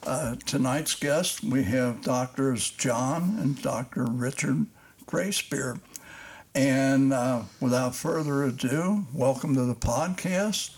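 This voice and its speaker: An older man hosting a podcast interview, talking in a slow, meandering way with many fillers. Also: medium pitch, husky. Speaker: podcast host. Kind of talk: casual interview. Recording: noisy background.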